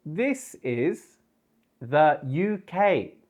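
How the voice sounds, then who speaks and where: A man in his thirties teaching a slow, repetitive beginner lesson, spelling out words and repeating each phrase. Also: on the high side, very animated, a little mellow. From England. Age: 30s. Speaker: English teacher.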